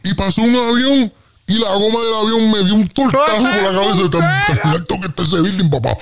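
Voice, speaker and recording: A man's voice: high voice, brisk, a loud crowd. A man with a Puerto Rican accent hosting a comedy radio bit, telling a boastful, exaggerated story full of sound effects.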